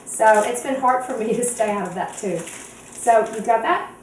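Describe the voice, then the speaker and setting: A woman's voice: on the high side, normal speed. A woman hosting a home cooking demonstration in her kitchen, chatty and giggly as she walks through each step. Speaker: cooking show host. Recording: echoey kitchen, distant mic, faint noise.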